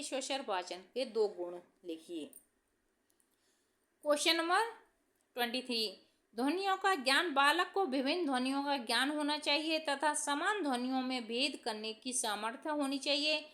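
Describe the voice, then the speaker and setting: High-voiced woman reading study notes. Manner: steady dictation-like reading, announces question numbers. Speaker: teacher reading exam answers.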